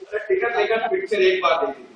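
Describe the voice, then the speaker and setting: On a large auditorium stage, a man delivers a stage play monologue, reading a nostalgic, jokey letter to an old college friend in a high-pitched, lively, fairly quick voice. The unamplified stage is far from the recorder, so the sound is muffled and echoey, with a crowd in the background.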